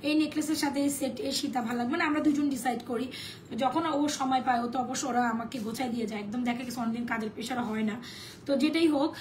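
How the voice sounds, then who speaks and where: Hoarse, fast, high-pitched Bangladeshi saleswoman. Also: slight background noise. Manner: chatty, mixes English sales phrases. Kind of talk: live sales stream.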